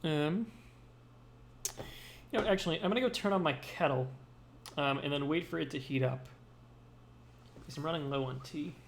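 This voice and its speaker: A man's voice: on the high side, moderate pace, gravelly, pauses often, noisy background. A man livestreaming his programming work, thinking aloud in a loose, hedging way as he codes at his desk. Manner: mumbling to himself, self-talk with hedges. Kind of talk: casual thinking-aloud while coding.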